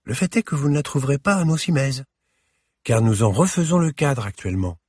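Refined older woman curator read by a man, clear slightly hissing voice, courteous and formal, raised pitch, dry close sound. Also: big pitch swings, brisk, darkish tone, no room sound. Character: elegant 65-year-old woman museum curator.

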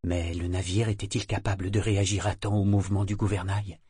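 A man narrates an audiobook in a steady, measured way. His voice sits low. The sound is close and dry, with no room around it. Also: breathy edge, no room sound.

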